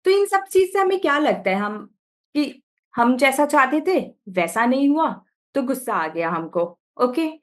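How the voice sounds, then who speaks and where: A woman with an Indian accent teaches a class over a video call, her voice sitting high. She keeps checking in with short questions as she explains. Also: big pitch swings, unhurried. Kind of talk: online class lesson.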